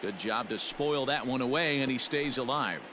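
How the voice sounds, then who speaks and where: Casting: male actor as baseball play-by-play caller, medium pitch, commentary over noisy ballpark ambience. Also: moderate pace, lightly acted. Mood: announcing. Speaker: play-by-play announcer. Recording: clear background noise of ballpark ambience.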